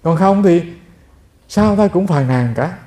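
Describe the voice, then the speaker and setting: Slow and mellow, with lively intonation, the monk's voice sits high as he gives a Dharma talk in an echoey room. He tells stories and speaks directly to the people listening.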